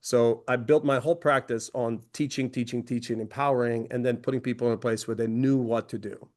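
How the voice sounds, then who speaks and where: This is a Croatian man in his forties, a company founder, giving a webinar talk in a loose, conversational style full of fillers and false starts. His mid-range voice is steady and slightly dark, and he goes a little fast.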